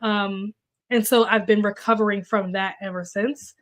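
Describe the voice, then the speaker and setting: A young woman with a steady, medium-pitched voice and moderate pace hosts a casual livestream at home, using a desk mic. Congested and a bit coughy as she gets over an illness, she's chatty and filler-heavy, reading viewer comments aloud and reacting to them.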